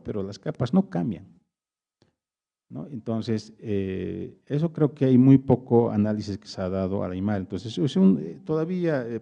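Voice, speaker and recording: A man lectures to an audience and answers their questions. He stops often to search for words. His voice is deep-toned, dark and gravelly, and the recording sounds muffled and lo-fi. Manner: hesitant, searching for words with many pauses. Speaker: invited speaker at a public talk.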